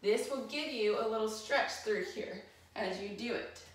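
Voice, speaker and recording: A woman talks viewers through a warm-up exercise, explaining each step as she does it herself. She is slightly out of breath. Her voice rings with a strong echo and sounds far from the mic. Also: on the high side, moderate pace. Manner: instructive, demonstrating while moving. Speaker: physical therapy instructor. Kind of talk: exercise demonstration.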